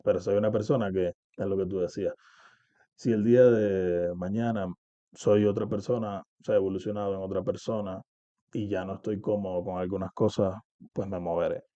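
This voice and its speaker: Man, interview guest, low and dark, reflective, dry lo-fi recording. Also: fairly even intonation, moderate pace, no room sound. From Cuba. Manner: reflective, uses many fillers and "¿entiendes?". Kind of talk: casual interview talk.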